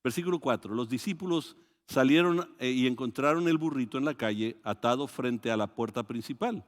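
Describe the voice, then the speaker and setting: A man with a Mexican Spanish accent preaching a sermon, animated and full of restarts, acting out quoted voices with sudden loud rises. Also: medium pitch, moderate pace. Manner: hesitant restarts and repeated words. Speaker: pastor. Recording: long hall reverb.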